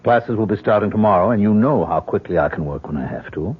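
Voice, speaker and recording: In a dull old broadcast of a 1970s radio drama, an actor plays a smooth-talking, reassuring male university professor who hides secrets. He sounds courteous and measured, with a lowish, expressive, husky male voice.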